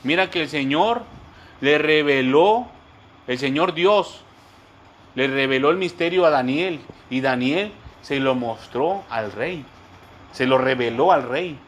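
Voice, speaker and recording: This is a church Bible study led by a man whose voice is on the high side, expressive and fairly bright, delivered slowly over slight background noise. He restates his points and often speaks to the listeners as brothers. His method is word-by-word explanation, with terms spelled out.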